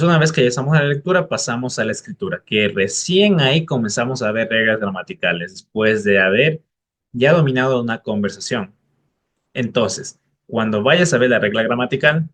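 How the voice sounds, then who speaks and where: A man at an ordinary medium pitch explains study habits in a casual tutorial. He speaks straight to the viewer, direct and encouraging. He punches out single key words with lively emphasis. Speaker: English tutor.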